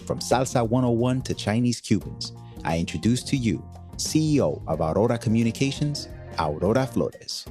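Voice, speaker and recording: A man's voice: medium pitch, animated, normal speed, a little mellow, soft background music. A man hosting a podcast, speaking earnestly and dropping in Spanish phrases as he introduces his guest. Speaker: podcast host. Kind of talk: scripted podcast introduction and interview.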